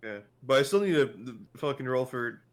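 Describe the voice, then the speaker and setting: A man plays his turn in a tabletop game, hesitant and muttering. He swears under his breath as he works out what to do. His voice sits at an ordinary pitch. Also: lively intonation, normal speed. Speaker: player. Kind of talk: casual tabletop game chat.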